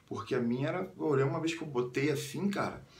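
A young man from the suburbs of Rio de Janeiro with a Carioca accent, telling a story casually in slang and jumping into high squeals when he quotes people. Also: fast talker, echoey room, a little hiss or hum. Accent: Carioca Brazilian Portuguese. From Rio de Janeiro suburbs, Brazil. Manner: slangy, animated, jumps into high squeals when quoting others. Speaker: vlogger.

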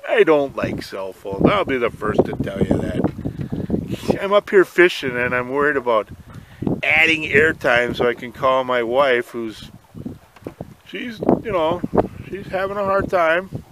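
A man's voice: medium pitch, lively intonation, a little slow. An older man chatting in a rambling, folksy way while filming a fishing trip on a lake. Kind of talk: casual outdoor vlog. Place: outdoors on a boat on a lake. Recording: noisy outdoor camera audio, wind and water.

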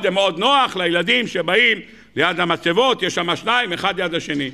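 A man, a rabbi, giving a lively sermon to a live audience, firing off rhetorical questions with mock disbelief and humorous asides. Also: high-pitched. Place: lecture hall with live audience.

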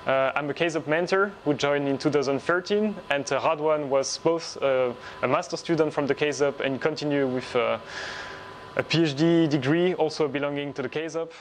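A man in his thirties, a research group leader, explaining his work in a measured way with frequent pauses, filmed in a laboratory. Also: fairly high pitch, a little hiss or hum. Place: laboratory indoors.

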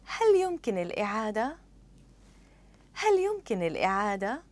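A woman's voice: medium pitch, big pitch swings. Woman carefully repeating lesson phrases. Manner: careful, deliberate repetition of phrases. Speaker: model speaker for phrase repetition. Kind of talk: scripted phrase drills.

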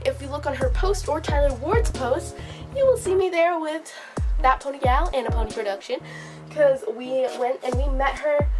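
Young girl vlogger, chatty, giggly, filler-heavy casual talk, higher voice, clear music underneath. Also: moderate pace. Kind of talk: casual chat to camera.

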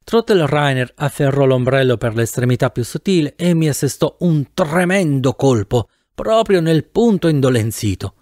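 A man reading a novel aloud in the first person with an animated, theatrical delivery, close to the mic. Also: medium pitch, moderate pace, few pauses, no echo. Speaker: audiobook narrator. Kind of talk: expressive audiobook narration.

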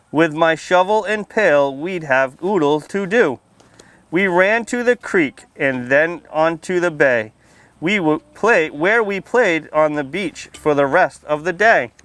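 A firefighter and fire prevention educator, in his thirties, reads stories and talks casually with young children in a friendly, straightforward way, masked and outdoors under a library lawn canopy. His voice is a little high and fairly bright, with no echo.

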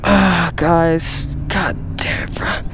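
A man's voice: a little high, fairly even intonation, drawn-out words, creaky, whispered. A young man vlogging outdoors on a camera mic, swearing and joking at himself while in pain. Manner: swearing, pained and self-mocking. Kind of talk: casual vlog talk to camera.

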